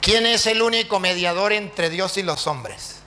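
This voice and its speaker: A man's voice: sits high, a little slow, bright, forceful tone, a little hiss or hum. A man voicing a smug male evangelical pastor who quizzes and taunts a priest. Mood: taunting.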